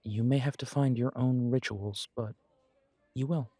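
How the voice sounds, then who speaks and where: In a dry recording close to an everyday voice, a man speaks with a warm, steady, mid-range tone as a supportive best friend in roleplay audio. His manner is reassuring and chatty, with reflective pauses, and he comes across as encouraging, self-deprecating, and gently earnest.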